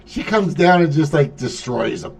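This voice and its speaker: A man hosting an open group chat show, talking in a rambling, animated way with lots of swearing and restarts. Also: fairly high pitch, moderate pace, vocal fry. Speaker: podcast host.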